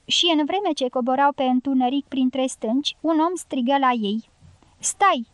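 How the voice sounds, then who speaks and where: A woman with a high voice reads a novel aloud in a measured, literary way. The sound is close and dry, with no room around it. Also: no echo. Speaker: audiobook narrator. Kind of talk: scripted audiobook narration.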